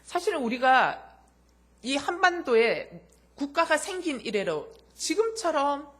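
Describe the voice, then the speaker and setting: A woman's voice: high-pitched, sing-song, unhurried, a bit bright. A woman pastor preaching a sermon, speaking straight to the congregation with rhetorical questions and acting out the voices in her anecdotes.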